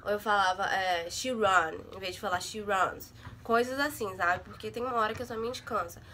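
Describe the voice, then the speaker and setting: Talking straight to camera, this Brazilian vlogger is young, and her mid-range voice moves at a normal speed with a pushed, bright quality. Her chat is loose and friendly, sprinkled with "sabe?" and "gente" to check in with viewers.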